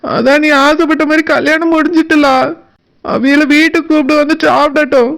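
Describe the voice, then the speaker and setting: A woman voicing a sad young bride who pleads softly, speaking with a Kanyakumari Tamil accent. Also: high voice, steady tone, brisk, gravelly, voice pushed down. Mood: pleading. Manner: soft pleading.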